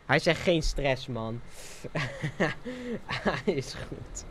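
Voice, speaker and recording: An excitable streamer, giving live gameplay commentary, laughing often and dropping English slang. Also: mid-range voice, extremely slow, slight background noise.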